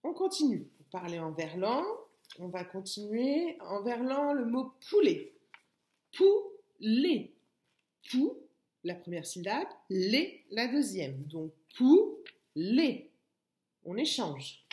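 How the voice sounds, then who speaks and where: A woman teaches a phonics lesson to small children. She speaks slowly, and her voice rises and falls in a sing-song way as she stresses each syllable. The sound echoes around the room. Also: medium pitch, very animated, darkish tone. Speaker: kindergarten teacher. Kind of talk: slow, deliberate phonics lesson for young children.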